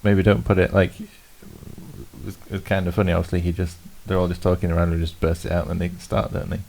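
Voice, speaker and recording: A man's voice: sits low, flat delivery, fairly quick, creaky, a little mellow. A man in casual podcast chat on a headset mic, rambling and laughing often. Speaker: podcast co-host.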